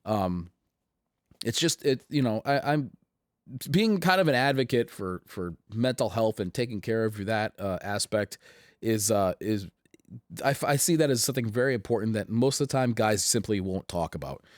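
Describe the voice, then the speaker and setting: Guy hosting his own show, scratchy lowish voice, halting and earnest, dry sound. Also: lively intonation, no room sound. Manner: halting, restarts often, earnest and reflective. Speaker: host. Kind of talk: casual chat to camera.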